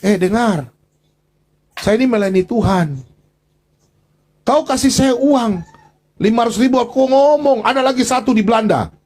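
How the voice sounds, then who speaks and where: A man's voice: extremely high pitch, moderate pace, long pauses, darkish tone. A man hosting a livestream, talking in an aggrieved, pleading, repetitive way. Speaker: livestream host. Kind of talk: emotional livestream rant.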